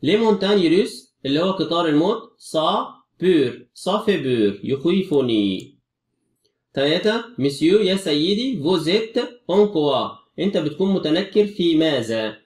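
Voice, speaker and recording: A man's voice: on the high side, expressive, a little fast, hardly any pauses, darkish tone, reverberant, distant mic. A man with an Egyptian Arabic accent teaching a French exam review, explaining each answer step by step.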